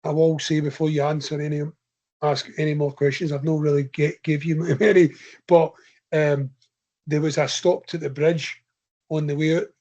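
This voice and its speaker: A man's voice: fairly high pitch, flat delivery, moderate pace, darkish tone. Chatty Scottish man telling a long story. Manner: long rambling anecdotes told in his own voice. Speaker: guest ultra runner. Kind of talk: casual podcast interview.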